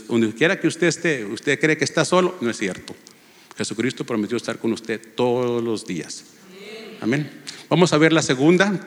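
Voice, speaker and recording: A man's voice: mid-range voice, fairly bright tone, long reverb tail. A man preaching a sermon in Spanish to a congregation, reading from the Bible and asking them rhetorical questions. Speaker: lay preacher. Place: church.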